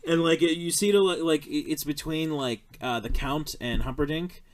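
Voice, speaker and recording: A man's voice: a little high, normal speed. A man hosting a podcast, chatting casually about a film, rambling with lots of fillers, restarts and swearing. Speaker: podcast host.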